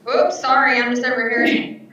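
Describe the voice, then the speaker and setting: A woman chairing a public board meeting over a video call, running motions in a brisk, procedural way. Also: a little high, pushed and bright. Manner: brisk, procedural, slightly unsure. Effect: remote video call audio. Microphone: computer mic on a video call. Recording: dull, echoey, distant call audio.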